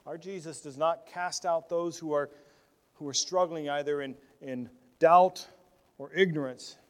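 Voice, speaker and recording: A pastor preaching a sermon, earnest, often repeating words as he restarts, moving between loud stressed phrases and quiet asides. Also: fairly high pitch, fairly even intonation, unhurried.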